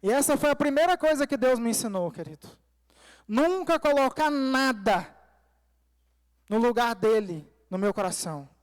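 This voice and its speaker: A man's voice: extremely high pitch, expressive, moderate pace, smooth. A male pastor preaching a sermon at a church service, telling a personal story and calling the congregation dear ones and brothers. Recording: long reverb of a church hall.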